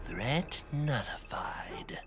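A fanatical little hamster sidekick from an animated film. He is melodramatic and gung-ho, swinging in pitch, with music playing behind. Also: measured pace, heavily acted. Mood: fervent. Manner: melodramatic, action-hero zeal.

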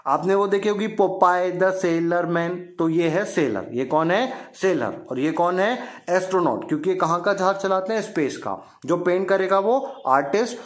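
Man teaching children English words, high voice. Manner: repeats each word and asks it back as a question; slow, drawn-out reading of English lines. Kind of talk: classroom vocabulary lesson for children.

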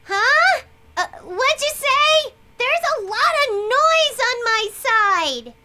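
A woman's voice: very high-pitched, very animated, slow, very noisy, heavily acted. A woman voicing a bubbly, scatterbrained and cheeky young girl heroine in an anime video game, playful and dramatic. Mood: startled. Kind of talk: English video game voice acting.

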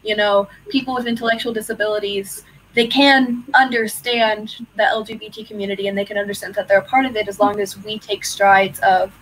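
A woman's voice: mid-range voice, steady tone, brisk, fairly bright tone, poor audio. A woman speaking earnestly and encouragingly as a panelist in an online discussion, with some restarts. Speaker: panelist, unified sports partner.

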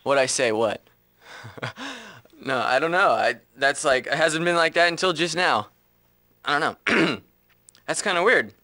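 A man's voice: on the high side, animated, a little slow, long pauses, pushed and bright, no room sound. A man reading video game dialogue aloud in a playful, dramatic way. He giggles often and stumbles, then retakes his lines. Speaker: let's play gamer voicing dialogue.

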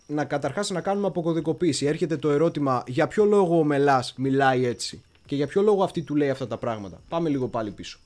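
A man's voice: on the high side, a little mellow. A man hosting a casual history livestream, chatty and digressive, often stopping to search for words. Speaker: history channel host.

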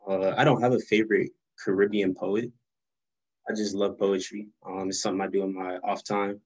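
A man's voice: on the low side, little pitch movement, normal speed, a little mellow, low-quality recording. A man attending an online poetry workshop, introducing himself plainly and briefly with some ums. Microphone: video call mic.

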